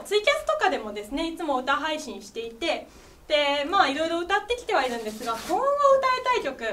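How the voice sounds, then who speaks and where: A young woman, an idol singer, chatting to the crowd between songs at a small live studio, bubbly and quick to laugh. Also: high voice, a bit bright. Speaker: idol singer doing stage talk. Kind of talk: live stage MC chat. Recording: distant live-room sound with faint ambience.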